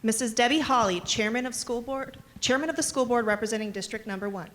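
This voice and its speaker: A woman's voice: a little high, quick pace, fairly bright tone. A woman principal making a formal podium speech, introducing honored guests. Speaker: school principal. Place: at a podium at a graduation ceremony. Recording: noisy hall with clear crowd sound.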